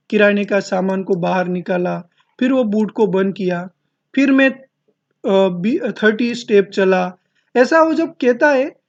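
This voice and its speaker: Slow, careful Hindi-speaking male teacher. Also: sits high. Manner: reads English lines slowly, then explains each phrase in Hindi. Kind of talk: explaining an English text in Hindi. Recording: dull lo-fi audio.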